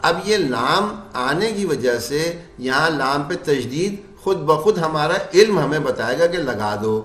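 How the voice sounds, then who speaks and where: A man teaching Quran recitation rules. He puts questions to his class and answers them himself, and he chants the example verses slowly. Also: on the high side, animated, fairly bright tone, roomy sound.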